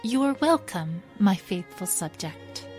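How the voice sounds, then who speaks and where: A woman voicing a regal, composed pony princess with a soft, measured, formal manner, in a fan-made audio drama. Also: medium pitch, expressive, faint music behind, close to an everyday voice. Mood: gracious, formal.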